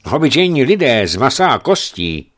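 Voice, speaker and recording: A man's voice: mid-range voice, wildly swooping pitch, voice pushed up. A man playing a brash red-bearded merchant. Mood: bantering. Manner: joking, brash. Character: tall red-bearded male merchant, joking and bold.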